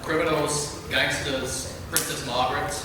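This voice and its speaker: A man's voice: on the high side, steady tone, unhurried, close to an everyday voice. A man playing an easygoing, friendly character in a stage comedy. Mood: relaxed. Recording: echoey hall, distant mic, clear noise.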